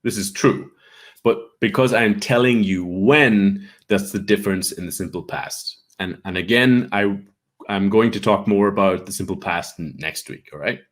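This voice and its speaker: A man's voice: fairly low pitch, moderate pace. A man from Ireland with a light Irish accent, teaching an English grammar lesson and checking in often with "right?" and "all right?". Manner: patient, repeats with frequent "right?" checks.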